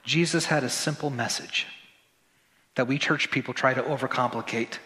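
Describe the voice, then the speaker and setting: A man's voice: mid-range voice, normal speed, bright, forceful tone. A man preaching a sermon as pastor, talking conversationally with joking asides and repeated words. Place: church sanctuary. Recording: roomy church hall reverb.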